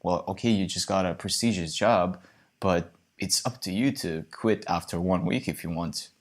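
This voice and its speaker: A man's voice: sits low, normal speed. A man co-hosting a casual podcast, asking follow-up questions and reflecting thoughtfully. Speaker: podcast co-host, interviewer.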